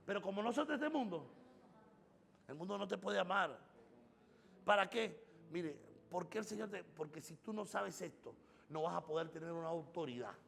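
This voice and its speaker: A man's voice: high-pitched, animated, moderate pace, vocal fry, fairly bright tone, big-room sound. A man preaching a sermon as pastor, building up through emphatic repeated phrases. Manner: preaching with rising, emphatic repetition.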